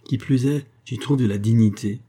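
A man's voice: medium pitch, warm tone, slightly rough. A man reading a bitter young officer. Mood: grave. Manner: grave, measured, growing harsh.

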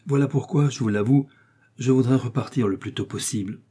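Bold young musketeer, read by a man, mellow, husky, brisk and teasing, storybook reading. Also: medium pitch, lightly acted. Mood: assured.

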